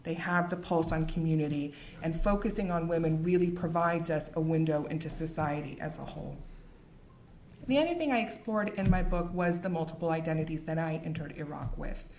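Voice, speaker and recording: A woman's voice: sits low, a little mellow. Earnest woman giving a book talk. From United States. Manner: measured, earnest, with frequent fillers. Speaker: author. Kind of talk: book talk and reading aloud.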